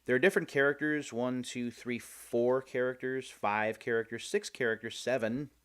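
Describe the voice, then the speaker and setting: A man's voice: medium pitch, steady tone, normal speed, a bit bright, clean tone. A man hosting a video, giving casual, chatty unboxing commentary and thinking aloud as he goes. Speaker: host of a game unboxing video series.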